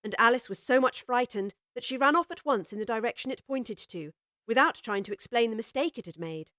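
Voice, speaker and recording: A woman narrating a classic children's story in a measured, gently expressive way. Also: on the high side, no echo, clean studio sound.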